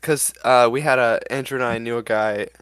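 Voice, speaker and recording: A man hosting a casual chat podcast with his friends, trading quick jokes and banter. His voice is middle-pitched and sits very dry and close to the mic, with no room sound at all. He keeps things moving and throws in wry one-liners. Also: steady tone, a bit bright, clean tone, no echo. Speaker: podcast host.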